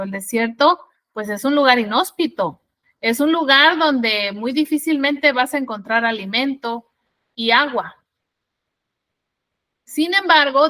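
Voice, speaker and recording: Female spiritual teacher with a high, bright voice who explains by asking questions and answering them herself. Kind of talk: spiritual lesson.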